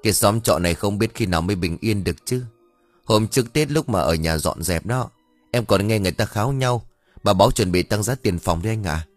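A man voicing a gentle young wife, talking in a soft, caring way. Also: on the low side, lively intonation, fairly quick, dry recording, soft background music. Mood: worried caring.

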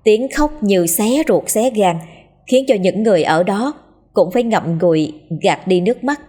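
A woman narrating a scripted ghost story in a steady, dramatic storytelling manner. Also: medium pitch, moderate pace, slightly rough.

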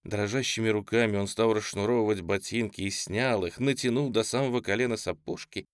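A man narrating a novel as an audiobook in a measured, expressive reading. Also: fairly low pitch, no room sound, clean studio sound. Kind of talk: scripted literary narration.

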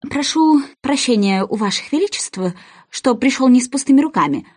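A woman's voice: sits high, lively intonation, moderate pace, darkish tone. A woman voicing a flustered, apologetic male hat-maker who mumbles his answers at a storybook trial.

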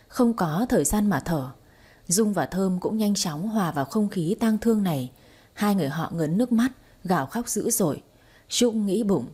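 Woman storyteller, mellow husky voice, steady even reading. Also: medium pitch. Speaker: narrator. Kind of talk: storybook narration.

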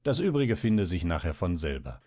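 Ein Mann spricht einen mürrischen, ungeduldigen älteren Doktor in einem Hörbuch, mit tiefer, brummender Stimme. Trocken und nah aufgenommen. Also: male voice, sits low, very animated, normal speed, darkish tone, no echo, studio quality. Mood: grumbling. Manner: grumbling, impatient. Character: gruff, irritable older male doctor.

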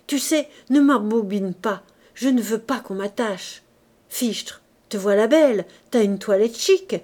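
A woman reading a novel aloud, voicing a delirious, terrified working-class drunk who shouts rough slang in a hoarse voice. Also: unhurried, lightly acted. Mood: raving. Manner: loud slangy outbursts, raised pitch. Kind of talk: audiobook character voice.

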